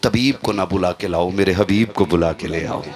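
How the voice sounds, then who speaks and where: A man voicing a dying young boy who pleads tearfully and softly with his father, recorded at a live gathering. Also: sits low, normal speed, crowd noise, natural voice. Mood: pleading.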